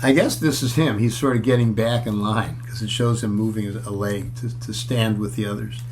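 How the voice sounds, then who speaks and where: Pausing now and then to comment on illustrations and quiz his audience, a man tells a children's picture book story with a chatty touch. His voice is on the low side, darkish and steady, and there's slight background noise.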